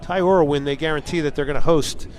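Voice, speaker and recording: Higher-voiced man calling soccer over stadium noise. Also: fairly even intonation, fast talker, darkish tone. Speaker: play-by-play commentator. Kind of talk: live soccer commentary. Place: outdoor college soccer stadium broadcast. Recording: clear outdoor stadium ambience noise.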